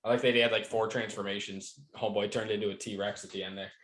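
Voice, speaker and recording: A man's voice: lowish voice, little pitch movement, fast, a bit bright, rough recording. A man co-hosting a casual podcast chat, rambling with lots of fillers and swearing. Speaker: podcast co-host.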